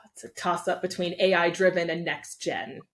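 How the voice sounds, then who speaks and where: A woman guest in a casual interview, candid and quick to laugh. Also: on the low side. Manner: animated, candid, laughs freely.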